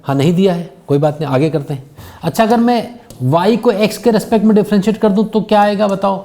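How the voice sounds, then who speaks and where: Mellow-voiced male physics teacher. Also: sits high, quick pace. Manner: patient, keeps quizzing students. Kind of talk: classroom lecture. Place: classroom.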